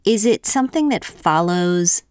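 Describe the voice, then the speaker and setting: Low-voiced woman in her fifties interviewing. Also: animated, unhurried, darkish tone, smooth, no room sound, clean studio sound. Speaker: interviewer, host. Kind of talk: conversational interview questioning.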